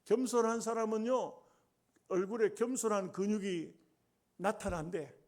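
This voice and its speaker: High-voiced pastor preaching. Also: male voice, darkish tone. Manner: emphatic, drawn-out phrases with folksy humorous asides. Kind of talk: sermon.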